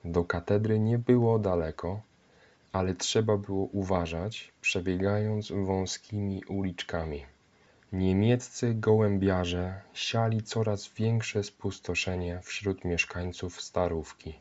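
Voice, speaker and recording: A male narrator reads a scripted historical account in a measured, solemn way. His voice is deep and his pace is slow, and the recording has a dull, lo-fi sound. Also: fairly even intonation, darkish tone.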